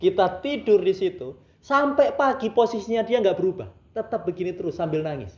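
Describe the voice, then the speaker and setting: A man's voice: high voice, lively intonation, fairly quick. A male pastor telling a story in a conversational sermon and asking his listeners rhetorical questions. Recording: roomy, dull sound.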